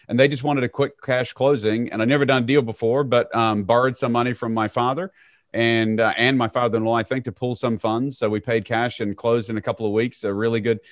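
Over a video call from a small indoor home office, a real estate CEO from New Zealand shares stories as an interview guest. His fairly low voice is relaxed, self-deprecating and full of "um"s, and the close boom-arm studio mic keeps it dry with no room echo.

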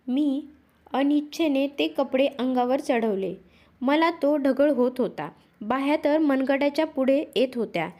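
A woman narrating a first-person story in a steady, even reading voice. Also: high-pitched.

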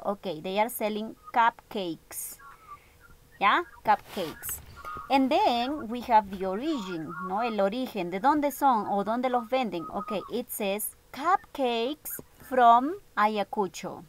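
A woman leads an English lesson in a slightly high voice. She repeats each phrase in both languages and keeps a patient, encouraging tone with her class. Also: animated, slow pace, slight background noise. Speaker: English teacher. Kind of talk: bilingual online class.

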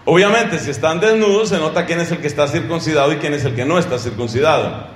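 Brief: male preacher, high voice, lively sermon delivery, echoey room. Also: fast. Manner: animated, rhetorical questions to the audience. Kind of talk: sermon teaching.

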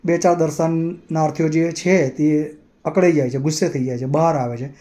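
Mellow-voiced man telling a devotional story. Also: a little high, steady tone. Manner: slow, repetitive, restarting phrasing. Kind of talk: casual religious storytelling.

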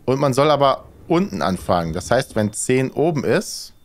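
A man's voice: medium pitch, sing-song, normal speed. A man doing casual let's play commentary, thinking aloud hesitantly as he plays. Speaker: let's player, horror game streamer.

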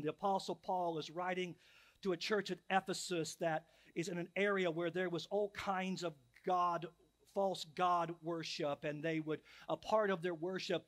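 A middle-aged man preaching a sermon as pastor, emphatic, with repeated rhetorical questions that drop to hushed, quiet lines. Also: high-pitched.

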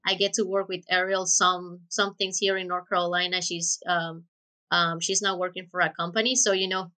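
A woman's voice: fairly low pitch, level tone, normal speed, sharp tone. A woman in her thirties from Honduras with a Honduran Spanish accent, answering interview questions thoughtfully with many hesitations. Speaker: guest researcher. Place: office with window blinds. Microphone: webcam video call.

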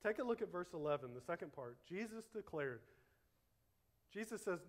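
A man's voice: high voice, very animated, normal speed. A pastor preaching a sermon at a church service, earnest and emphatic, his delivery swelling and dropping to stress each point.

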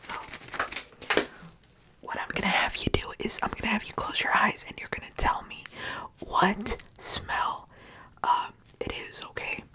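A young woman performs a whispered role-play in a fast ASMR style. Her whisper is breathy and unvoiced, very close to the microphone. She plays a brisk, polite examiner who gives short, clipped instructions. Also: medium pitch. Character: brisk, polite examiner giving a quick check-up. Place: small bedroom, indoors. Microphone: large covered microphone very close to the mouth.

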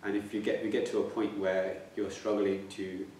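A man in his 20s with a fairly low, level, slightly mellow voice speaks at a moderate pace, stammering as he reflectively answers interview questions, repeating words and restarting. A little hiss or hum is present; the plain indoor room echoes and the mic is slightly distant.

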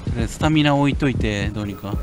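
A man giving lively let's-play commentary on a horror game, muttering to himself and then yelling at scares. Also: rapid-fire, over loud music. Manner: animated, jumps from low mutters to yelps and shouts. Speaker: game streamer.

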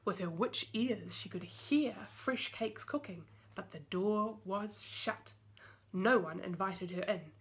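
A woman reading a children's picture book aloud, lively and expressive. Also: medium pitch, slow pace. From New Zealand. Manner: lively, expressive, voices the characters. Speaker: storyteller.

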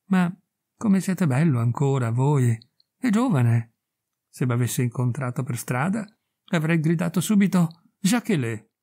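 A man reading a story aloud, voicing an aging woman who speaks gently and tenderly, with hesitant pauses. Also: fairly high pitch, animated. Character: aging woman, tender, wistful, once a beloved girl.

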